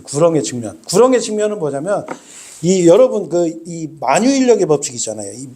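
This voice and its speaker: A middle-aged man preaching a sermon as a pastor, talking in an animated way and acting out voices. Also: high-pitched, slightly rough. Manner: animated, acts out quoted voices.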